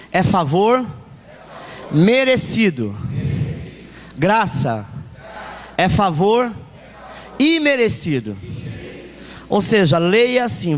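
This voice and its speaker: A male pastor with a Brazilian Portuguese accent preaching a sermon, emphatic and repeating key phrases. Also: high voice. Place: church hall. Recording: long church hall reverb.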